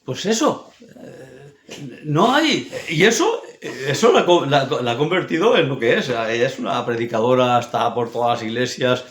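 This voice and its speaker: Emphatic Spanish preacher in an echoey hall. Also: male voice, medium pitch, big pitch swings, moderate pace, a bit bright. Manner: emphatic, repetitive, frequent tag questions. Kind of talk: sermon.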